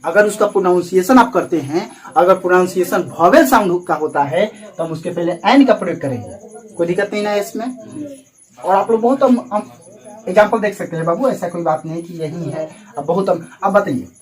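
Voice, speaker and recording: A male teacher at the front of a coaching classroom, working through a grammar lesson with his students in the room. He drills each point slowly, word by word, and keeps stopping to ask whether anyone is having trouble. He talks to his class with easy affection. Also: high-pitched, lively intonation, rough recording. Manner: calls students "babu" affectionately.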